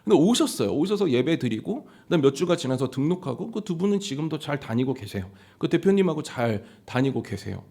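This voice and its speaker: A man's voice: fairly quick, vocal fry, few pauses, slightly rough. A male pastor preaching a Sunday sermon and telling stories from his ministry. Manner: storytelling sermon with lively pitch swings.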